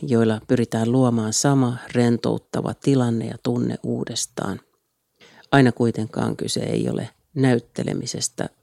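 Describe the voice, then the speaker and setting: A man hosting his own podcast, reading a scripted solo episode in a calm, even way from a small home studio. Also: mid-range voice, creaky, dry recording. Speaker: podcast host.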